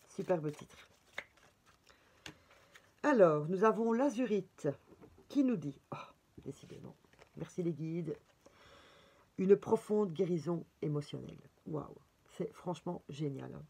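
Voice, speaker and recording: A woman's voice: low voice, dark tone, breathy edge. A woman with a Belgian French accent giving a casual oracle card reading for viewers, chatting and correcting herself as she goes. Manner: chatty, self-correcting, thinking aloud. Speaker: tarot and oracle card reader.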